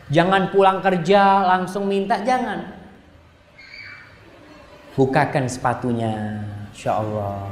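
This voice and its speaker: A man preaching to a congregation in a lively, joking way, sometimes quoting Arabic phrases slowly. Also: on the high side, a little hiss or hum. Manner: lively, joking, acts out spouses' voices. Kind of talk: sermon to a congregation. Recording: echoey hall with long reverb.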